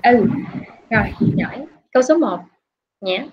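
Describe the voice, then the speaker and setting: Fairly high-pitched, expressive and a little mellow, this woman is an English teacher from Vietnam. She patiently asks questions in an online video-call class with long, drawn-out prompts, and the audio is dull and lo-fi.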